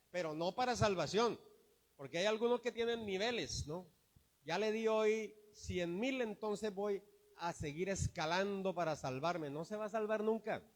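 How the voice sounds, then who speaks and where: A man's voice: high-pitched, in a large hall. A man preaching a sermon with emphasis, asking the congregation rhetorical questions.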